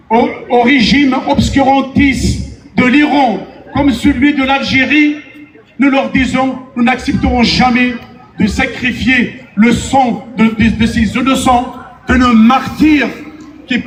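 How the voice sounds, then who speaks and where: A man giving a militant rally speech, declamatory, with shouted emphasis. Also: very high voice. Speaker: activist, rally speaker. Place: outdoor demonstration, amplified mic. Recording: echoey distant rally PA, faint noise.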